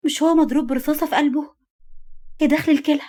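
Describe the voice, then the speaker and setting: A woman's voice: sits high, steady tone, very fast, pitched above the performer's own voice, lightly acted. A woman voicing a desperate young woman in love, pleading and tearful, with an Egyptian Arabic accent.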